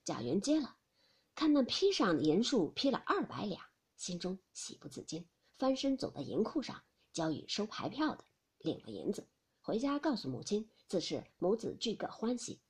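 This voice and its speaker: A woman narrating a classic novel audiobook in an expressive storytelling manner. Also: mid-range voice, normal speed, breathy edge.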